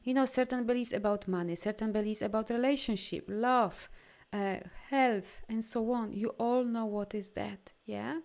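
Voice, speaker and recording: Her voice sits a little high and is slightly mellow, moving at a normal speed. She's an energy healing coach whose first language isn't English, gushing with encouragement as she leads a live session, talks casually to viewers and reads out many of their comments.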